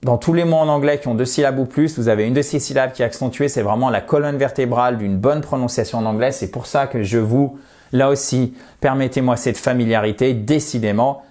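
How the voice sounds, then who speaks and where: A man teaching English in a chatty, self-mocking way, slowing down to model English words. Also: medium pitch, darkish tone. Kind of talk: video lesson.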